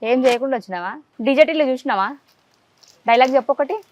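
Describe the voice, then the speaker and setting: A woman interviewing a child in a casual chat, coaxing answers out of them with quick questions. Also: high-pitched, animated, a little mellow, slight background noise. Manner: coaxing, rapid-fire questions. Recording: dull lo-fi dry sound.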